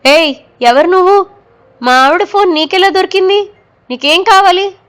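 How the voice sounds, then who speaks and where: A woman's voice: very high-pitched, moderate pace, fairly bright tone, voice pushed up. A woman voicing a frightened husband who asks urgent, anxious questions into a phone in an audio story. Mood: panicked. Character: frightened husband driving at night.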